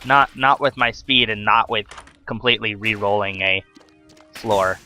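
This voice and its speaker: A young man giving casual gameplay commentary in a lowish voice with a bright, forceful edge. He is wry and chatty, and he scolds the enemies on screen as he goes. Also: unhurried, faint music behind. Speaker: let's play host.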